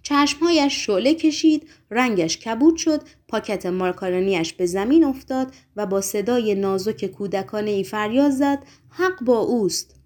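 A woman reading a novel aloud as narrator, measured and expressive. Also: mid-range voice. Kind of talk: audiobook narration.

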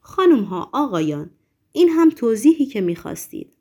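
A woman's voice: medium pitch, lively intonation, natural voice. A woman voicing a sly, mocking male conjurer's assistant in a theatrical, taunting manner. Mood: triumphant.

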